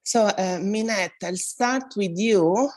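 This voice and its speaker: A woman's voice: medium pitch, slow pace, darkish tone. A woman moderating an online panel, speaking hesitantly with many fillers.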